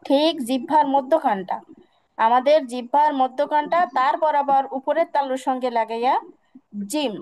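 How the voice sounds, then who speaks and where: A woman teaching Quran pronunciation in an online class, patiently drilling each sound with slow repetition. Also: sits high, a little mellow, low-quality recording. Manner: patient, drills sounds by repeating them slowly.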